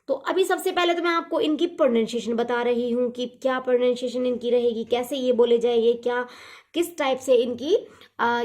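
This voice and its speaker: High-voiced woman teaching English grammar. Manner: repeats key words in question-and-answer drills; slow, drawn-out when spelling words. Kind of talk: explanatory lesson.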